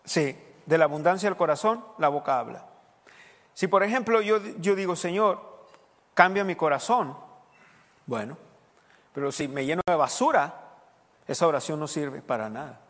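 A male pastor delivers a sermon in a high-pitched, animated voice. He swings between loud emphatic points and soft asides, now and then mixing in English words. The sound carries a long reverb, as in a church hall. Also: normal speed, long pauses. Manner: code-switches English words into speech.

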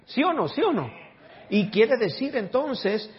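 A pastor preaching a sermon, emphatic and calling on the congregation for responses. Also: male voice, extremely high pitch, very animated, unhurried. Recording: dull audio with long hall reverb.

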